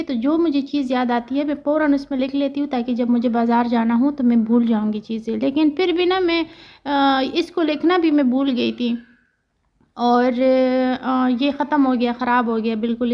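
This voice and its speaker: A woman in her thirties with a Pakistani Urdu accent talks her way through housework for her family vlog. She rambles along with plenty of fillers, in a high voice. The recording is dull and lo-fi. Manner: chatty, rambling, many fillers. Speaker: family vlogger. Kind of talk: casual narration over household chores.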